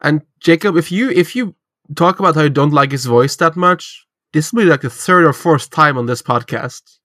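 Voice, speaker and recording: Bright-voiced Norwegian-accented man. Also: on the high side, moderate pace, dry recording, studio quality. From Norway. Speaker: podcast co-host and editor. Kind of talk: casual chat.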